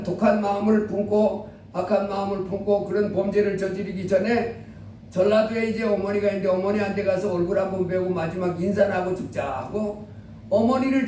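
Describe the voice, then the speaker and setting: A man preaches, telling a story and acting out the people in it with animated quoted lines. His voice sits high yet mellow, picked up from a distance in a strongly echoing room. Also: a little hiss or hum. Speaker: pastor. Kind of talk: sermon storytelling.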